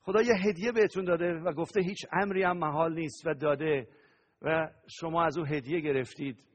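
A male pastor preaching an animated sermon to a live congregation, often asking them questions and having them answer back. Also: fairly high pitch. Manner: animated preaching with call-and-response questions to the audience.

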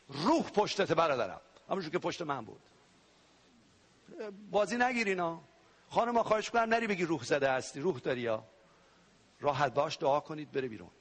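A man from Iran preaching a sermon to a congregation, animated, with sudden loud cries and playful sound effects. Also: on the high side. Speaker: pastor.

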